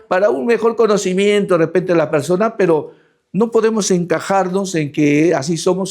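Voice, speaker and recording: A middle-aged male pastor preaching a sermon in a conversational way, often tagging questions onto his sentences and slowing down to stress the scripture he reads. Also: high-pitched, darkish tone. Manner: conversational preaching, constant "¿no?" tags, slowed emphatic scripture reading.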